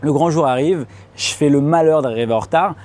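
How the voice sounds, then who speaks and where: A young man from France tells his stand-up story on a comedy club stage. He speaks in casual street slang, addresses the crowd directly, and breaks into loud, high-pitched voices when he acts out scenes. His voice sits a little high for a man. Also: fairly quick, slight background noise. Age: young adult. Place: comedy club stage before a live audience.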